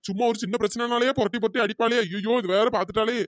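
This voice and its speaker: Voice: medium pitch, fairly even intonation, fast talker, no room sound, lightly acted. A performer voicing a scared cheating husband in a cartoon, panicky and wailing. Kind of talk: cartoon comedy voice acting.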